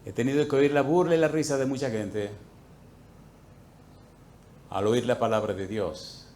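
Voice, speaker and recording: A man preaching a sermon to a congregation, telling a story with acted-out dialogue and swinging between loud outbursts and quiet asides. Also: medium pitch, steady tone, unhurried. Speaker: pastor. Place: church, before a congregation.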